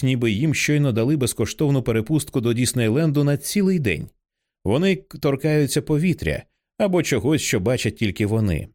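A man reading a horror screenplay aloud as an audiobook, voicing the quoted lines with a lifted voice. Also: medium pitch. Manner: lively, raising his voice for quoted lines. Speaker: audiobook narrator.

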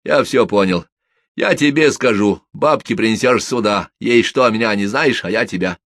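A man voicing a rough, hoarse drunk criminal watchman who talks in coarse slang. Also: fairly low pitch, normal speed, fairly bright tone, dry recording, clean studio sound. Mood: gruff.

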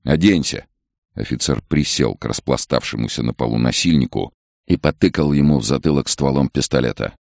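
A man narrating an audiobook in a measured, dramatic reading. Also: rumbling low, vocal fry, a little mellow, dry recording, studio quality. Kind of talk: scripted narration.

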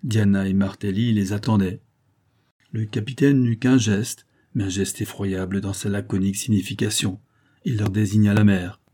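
A male audiobook narrator with a low, dark, husky voice. He reads the classic novel in a measured, dramatic manner. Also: little pitch movement.

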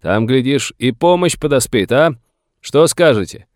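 A man voicing a bold, mocking outlaw gunman who shouts his taunts from a distance. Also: medium pitch, lively intonation, measured pace, dry recording, studio quality, voice pushed up, close to an everyday voice. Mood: taunting shout.

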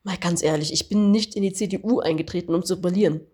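A woman's voice: fairly low pitch, fast, mellow, husky. A woman reading the lines of an older male party member in a suit who is stubborn and evasive.

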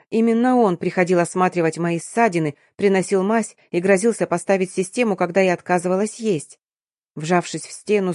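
A woman's voice: fairly low pitch, darkish tone, dry recording. Woman reading an audiobook, dry and close. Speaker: audiobook narrator. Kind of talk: first-person audiobook narration.

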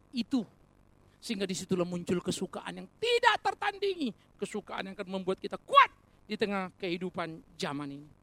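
A preacher delivering a sermon, speaking directly to the congregation as brothers and sisters and mixing joking asides into earnest points. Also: mid-range voice. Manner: animated, rhetorical, addresses congregation as brothers and sisters.

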